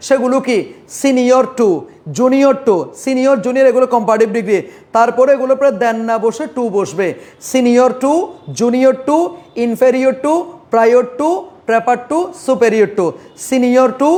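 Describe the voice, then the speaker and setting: Bangladeshi male tutor, young, very high voice, drilling grammar rules by repeating them and quizzing the class, stretching out example words. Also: darkish tone. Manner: repeats key points and asks questions then answers them himself. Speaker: English teacher. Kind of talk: live online grammar lesson.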